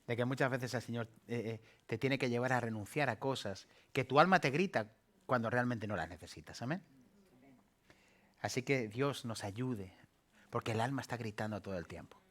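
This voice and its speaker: A man preaching a sermon as pastor, swinging from emphatic calls to soft asides and playful acted-out voices. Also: mid-range voice, moderate pace. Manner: call-and-response preaching, rising to emphatic peaks then dropping soft; acts out playful asides and voices in a light humorous tone.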